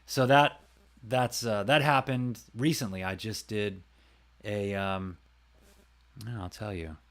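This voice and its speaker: Low-voiced man chatting casually on a livestream. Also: steady tone, takes it slowly, a bit bright. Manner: rambling, chatty, talks to viewers by name. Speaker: livestream host and voice actor. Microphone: close desk mic.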